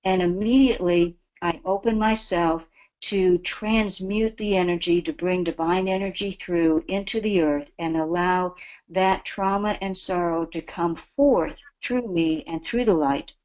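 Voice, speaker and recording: Slow, earnest woman speaking. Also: on the low side, a little mellow, lo-fi sound. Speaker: guest speaker. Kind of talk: spiritual talk.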